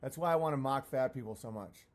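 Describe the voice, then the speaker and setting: A man on a casual livestream, rambling and halting as he answers comments with profane, self-deprecating talk. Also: medium pitch. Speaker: live streamer.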